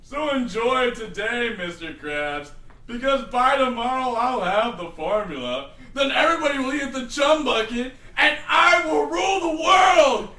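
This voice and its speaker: A tiny plankton villain with a high, bright, ranting voice, as a man puts him on, swinging from gleeful cackles to frantic shouts. Heard from a distance in an echoey home room with a faint hiss. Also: animated, measured pace, exaggerated voice. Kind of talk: amateur fan voice acting.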